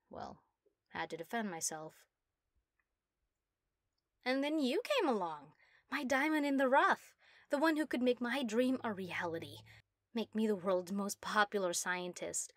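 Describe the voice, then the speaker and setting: A woman voicing a proud, giddy young mad scientist obsessed with her work, theatrical and self-satisfied, in a soft ASMR role-play. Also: mid-range voice, no echo, clean studio sound, natural voice. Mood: matter-of-fact storytelling.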